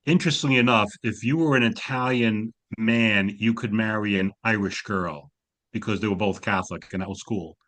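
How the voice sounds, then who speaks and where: A man's voice: on the low side, moderate pace, fairly bright tone. A man in his sixties with a slight New York accent, telling wry family stories on a video call during a class discussion. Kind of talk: storytelling in a Zoom class discussion.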